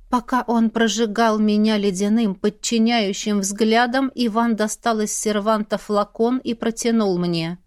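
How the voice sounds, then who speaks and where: A woman narrating a first-person fantasy audiobook in an expressive way. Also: on the high side.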